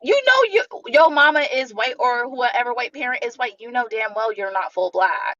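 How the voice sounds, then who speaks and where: A woman from Bangladesh talking in a casual livestream chat, emphatic and animated as she tells her story. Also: on the high side, moderate pace. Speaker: livestream guest. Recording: dull lo-fi stream audio.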